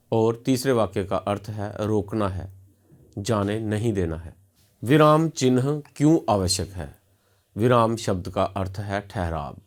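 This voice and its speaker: A man with a fairly low voice narrates a scripted lesson. He is formal and measured, and he explains each point patiently, as a teacher would. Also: a little mellow. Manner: formal, measured, didactic delivery.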